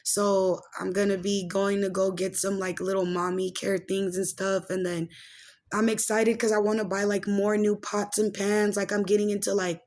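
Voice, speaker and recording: A woman in her late twenties, hosting a casual podcast, rambles about gossip and her personal life in slangy speech dotted with fillers. Her voice is medium-pitched with a darkish tone, delivered flatly at a moderate pace.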